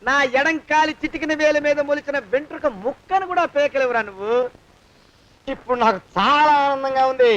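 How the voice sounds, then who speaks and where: A man's voice: very high-pitched, brisk, a bit bright, highs cut off, slight background noise. An actor playing a fed-up servant who boldly blackmails and taunts his master in a film comedy. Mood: gloating. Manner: bold, taunting, insistent. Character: fed-up male servant turned bold blackmailer.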